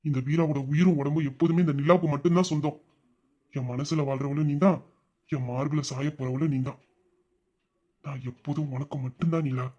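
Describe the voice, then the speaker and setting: A man's voice: high voice, fast, a little mellow, dull audio. A man voicing a loving young husband in a romantic audio drama, speaking in an earnest, reassuring and teasing way. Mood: tender.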